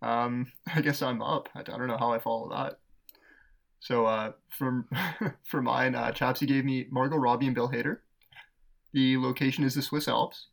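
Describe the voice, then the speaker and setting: A podcast co-host talking casually, his gravelly voice slipping into fry at the ends of phrases. He rambles, fills gaps with "uh" and laughs a lot at his own jokes. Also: medium pitch, steady tone, normal speed. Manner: laughs often, rambling with fillers. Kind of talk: casual chat.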